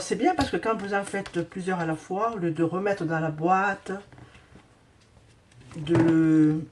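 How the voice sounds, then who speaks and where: A woman's voice: on the low side, noisy background. A woman hosting a casual craft tutorial who hesitates often with fillers while she sorts beads and talks to viewers.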